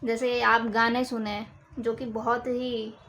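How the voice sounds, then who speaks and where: A woman teaching a lecture for exam preparation, explaining slowly with examples and repeating key terms. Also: on the high side, flat delivery, fairly bright tone, a little hiss or hum, rough recording.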